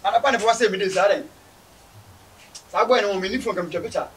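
A man with a West African, Ghanaian accent playing an excitable, argumentative carpenter in a comedy skit, repeating words insistently. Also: high voice, fairly quick, natural voice. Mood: agitated. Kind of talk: improvised street comedy skit. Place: outdoors in a residential yard and lane. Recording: distant outdoor camera sound, noisy ambience.

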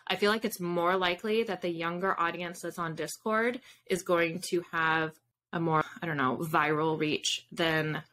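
On a video call from an indoor room full of bookshelves, a woman in her thirties talks casually as a podcast guest and author. She has a fairly low pitch and a sharp tone. Her manner is loose, with frequent tangents and rephrasing.

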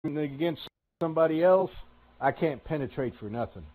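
A man's voice: on the high side, lively intonation, moderate pace, dark tone. A man streaming a tank game, giving casual commentary with grumbling, sarcastic asides.

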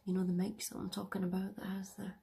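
Soft whispering young woman, low-key ASMR. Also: completely flat delivery, quick pace, creaky. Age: young adult. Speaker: ASMR video creator. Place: dim room in a flat. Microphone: close binaural microphones. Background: faint room ambience, wind.

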